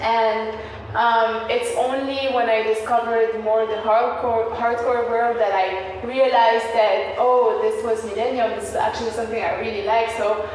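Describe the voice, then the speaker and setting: A fairly high-voiced young woman, speaking in an earnest, reflective way as an interview guest. She sounds set back from the mic in a very echoey space with a long hall reverb. A faint hum of noise sits underneath. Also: steady tone, a little slow, darkish tone, far from the mic. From Lebanon. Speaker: music producer and DJ guest. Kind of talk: casual interview chat. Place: Beirut.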